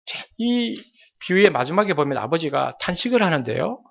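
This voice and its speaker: Animated high-voiced male preacher, dull sound. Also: moderate pace, gravelly. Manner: dramatic, acts out quoted voices, addresses congregation directly. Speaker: pastor. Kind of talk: sermon.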